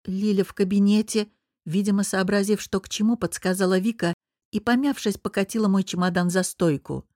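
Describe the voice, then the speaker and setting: Audiobook narrator, woman, expressive measured reading, dry close mic. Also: medium pitch, dry recording. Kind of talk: first-person novel narration.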